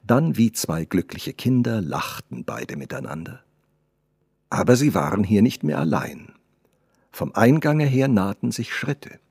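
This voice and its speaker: Male storyteller, dark husky tone, dry close sound, measured expressive reading. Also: on the low side, no room sound. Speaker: audiobook narrator. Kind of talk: scripted narration of a classic novella.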